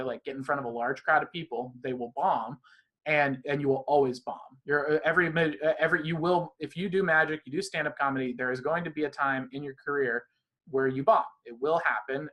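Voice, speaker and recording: A man's voice: medium pitch, sharp tone. A man being interviewed as a magician, talking animatedly in long, rambling runs of casual conversation. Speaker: magician guest.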